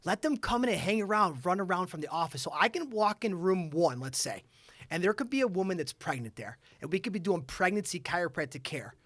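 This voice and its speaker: A lively man with a bright, forceful voice and a slightly high pitch tells stories as a guest on a podcast. He talks with energy and enthusiasm. The sound is dry and close. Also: brisk, no echo. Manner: energetic storyteller. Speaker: chiropractor guest. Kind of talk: casual podcast chat.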